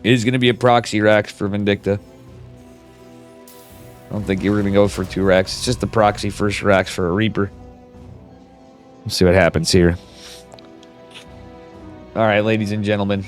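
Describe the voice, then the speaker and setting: A man's voice: fairly low pitch, fairly even intonation, moderate pace, pauses often, soft background music. Man commentating with a whistling nose. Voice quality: nasal whistle from a cold. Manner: informal, slangy, chatty. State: stuffed up with a cold. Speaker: esports commentator. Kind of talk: casual live game commentary.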